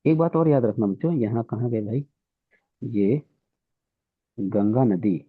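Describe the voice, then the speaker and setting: Guy teaching exam prep, husky, pitch bouncing all over, sounds like a phone line. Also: lively intonation, unhurried, dry recording. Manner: repetitive, keeps saying "theek hai". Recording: tinny phone-like audio.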